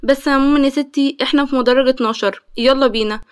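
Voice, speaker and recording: A woman's voice: high voice, fairly even intonation, fast, clear, resonant tone, close to an everyday voice. A woman voicing a caring, sensible young female student who fusses over her friend, in an Egyptian Arabic accent. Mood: fussing. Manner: fussing, scolding kindly. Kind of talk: storytelling.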